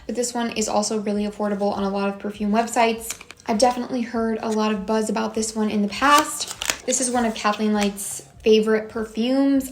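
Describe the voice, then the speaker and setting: A young woman with a fairly high voice chats eagerly through a casual haul vlog. She gushes over each new find in a bright, chatty way. The sound carries a noticeable room echo. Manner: enthusiastic, bubbly, gushing. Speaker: beauty vlogger.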